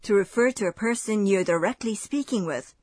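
A woman hosting a language lesson, giving clear, measured scripted explanations. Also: mid-range voice, darkish tone, no echo, studio quality.

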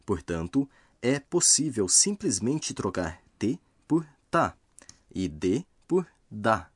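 Man, lesson narrator, slightly low voice, husky, dry sound, careful explanations. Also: big pitch swings, no echo. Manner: slow, careful explaining of grammar rules. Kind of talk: scripted language lesson narration.

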